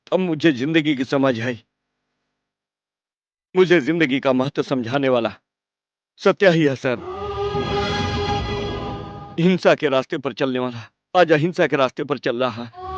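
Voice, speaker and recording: A man's voice: medium pitch, highs cut off, lightly acted. A man dubbing a humbled, repentant corrupt politician in a Hindi film, speaking earnestly. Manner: earnest, pleading. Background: film score.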